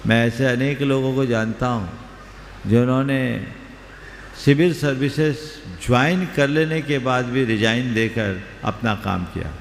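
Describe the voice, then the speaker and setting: A man, a monk, giving calm, measured counsel in a spiritual question-and-answer session. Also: mid-range voice, vocal fry, slight background noise. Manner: measured, advisory, gives brief counsel. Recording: long hall reverb, roomy, faint ambience.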